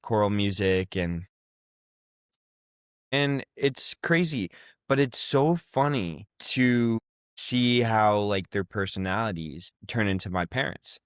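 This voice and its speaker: A young man with a low, resonant voice chats casually on a podcast, rambling through family anecdotes full of "like" and restarts. The recording is dry and close, with no room sound. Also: animated, slow, clear, resonant tone, dry recording. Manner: rambling storytelling with many fillers. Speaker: podcast co-host. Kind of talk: casual chat.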